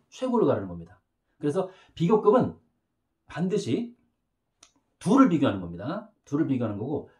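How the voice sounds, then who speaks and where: A fairly high-pitched man teaches a beginner English lesson in a chatty, lively way. He says model phrases slowly for learners to repeat and often checks in with quick questions.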